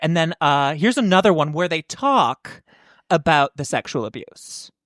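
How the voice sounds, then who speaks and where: A woman's voice: deep voice, sing-song, unhurried, fairly bright tone, no echo, studio quality. A woman co-hosting a podcast, chatting casually and gossiping, with lots of "like" fillers. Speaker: podcast co-host. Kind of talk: casual chat.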